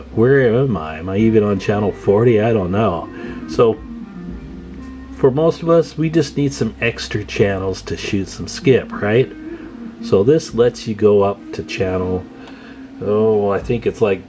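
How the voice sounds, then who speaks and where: A man with a fairly low, slightly mellow voice hosts a hobbyist video, giving a casual hands-on demonstration and talking to his viewers in an informal, folksy way. Plucked guitar music plays in the background.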